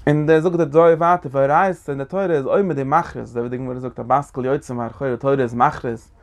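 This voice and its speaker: A man teaching a lecture on a religious text, talking in halting phrases that he often repeats and restarts. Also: medium pitch, fairly even intonation.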